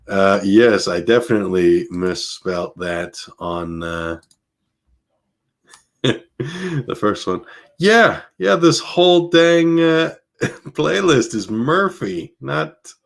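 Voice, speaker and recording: He's an audiobook reader streaming live, his mid-range voice creaky and extremely slow, with frequent pauses. Between readings of the novel he chats casually with his audience, full of laughs and fillers.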